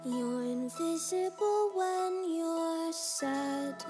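A woman singing as a grieving teenage girl in a slow, soft, mournful song. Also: very high voice, heavily acted. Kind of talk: musical theatre song. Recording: cast recording with loud music.

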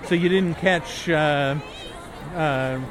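A man hosting a casual walk-around chat outdoors, rambling in a halting way. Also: on the high side. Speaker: podcast host. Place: outdoors walking through a busy theme park. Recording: outdoor park noise and crowd.

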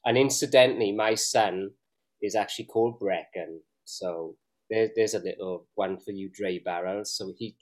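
A man's voice: on the low side, normal speed. Laughing man in casual banter. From Wales. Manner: chatty and jokey, often laughing. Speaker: beer review show co-host.

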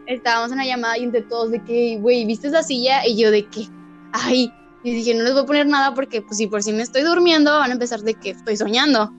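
A woman's voice: on the high side, quick pace, lo-fi sound, faint music behind. A young adult woman with a Mexican accent, a podcast guest telling a story in casual chat, acting out the voices she quotes. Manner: animated, acts out quoted voices and laughs.

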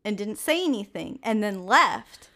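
A woman's voice: medium pitch, very animated, measured pace, sharp tone. A young woman co-hosting a podcast, telling stories in casual chat, swearing and laughing often. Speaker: podcast co-host.

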